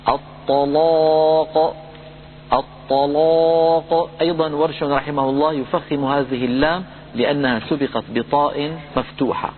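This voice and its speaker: A man teaching Quran recitation rules, patiently repeating points and slowly chanting example words. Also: a little high, fairly even intonation. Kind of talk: lesson on tajweed rules. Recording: phone-like audio with hum and reverb.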